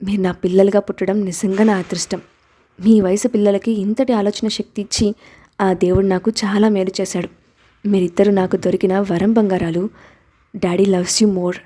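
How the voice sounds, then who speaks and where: A stubborn young mother who argues back with firm reproach, as a woman narrator reads her. Her voice is mellow and warm in color. Told as a storybook romance. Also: medium pitch, level tone, moderate pace, close to an everyday voice. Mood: tender. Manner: sharp, reproachful.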